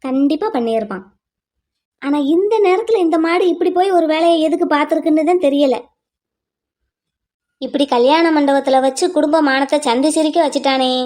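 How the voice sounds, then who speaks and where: A woman's voice: sits high, brisk, long pauses, darkish tone, natural voice. A woman voicing a middle-aged village woman, the elder sister-in-law in a cartoon family drama, who lectures and scolds in exasperation. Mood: scolding. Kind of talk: cartoon voice acting.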